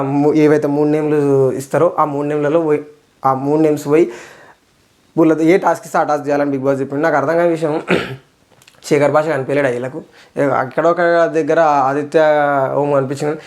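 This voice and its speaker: Fired-up fast-talking Telangana Telugu man. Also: mid-range voice. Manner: fired-up and indignant, repeats phrases for emphasis. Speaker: reality show reviewer. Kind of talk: casual rant-style episode review.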